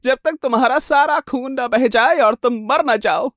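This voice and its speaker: A man doing a shrill, unhinged jealous woman. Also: fairly bright tone, no echo, studio quality. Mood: crazed, taunting. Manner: taunting, drawn-out menace.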